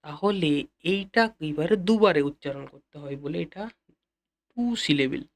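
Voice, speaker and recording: A man teaching an English lesson in a Bengali accent, repeating key phrases slowly and speaking directly to his students. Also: fairly high pitch. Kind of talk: classroom-style lesson explanation.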